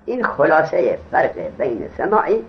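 Gravelly, lively male grammar teacher. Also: fairly high pitch, slight background noise. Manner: reads Arabic text aloud, then explains in colloquial speech; quizzes students with questions. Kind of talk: classroom lecture. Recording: dull lo-fi recording.

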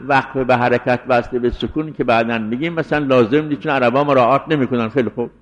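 A man giving a deliberate scholarly lecture as a seminary teacher, explaining and restating his points. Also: mid-range voice. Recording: dull lo-fi recording in a reverberant hall.

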